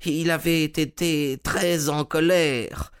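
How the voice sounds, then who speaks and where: A man's voice: on the high side, fairly even intonation, slow pace, smooth, voice pushed up. A man voicing a timid elderly male collector, meek, polite and a little stammering.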